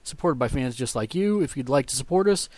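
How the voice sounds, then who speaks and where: A man hosting a casual gaming podcast over a video call, relaxed and chatty and quick to laugh. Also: medium pitch, no room sound. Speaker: podcast host. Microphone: video call mic.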